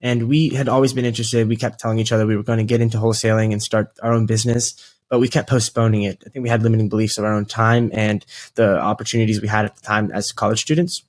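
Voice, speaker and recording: A man's voice: lowish voice, level tone, fast talker. A twenty-year-old American man, a podcast guest telling his story fluently and earnestly. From United States. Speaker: guest, real estate investor. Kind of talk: interview storytelling.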